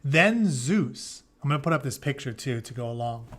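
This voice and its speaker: Reading an epic story to a class, this man uses an expressive mid-range voice at normal speed, slightly bright, with a little hiss or hum in the audio. Dramatic passages alternate with relaxed, informal explanations of the text.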